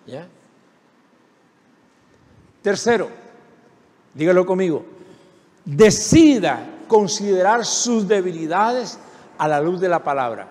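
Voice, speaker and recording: A man with a notably high voice preaches a sermon to his congregation. He works through his points with rhetorical questions and asks the listeners to say them with him. His words ring out with the long reverb of a church hall. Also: sing-song, slow, long pauses, darkish tone. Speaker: pastor.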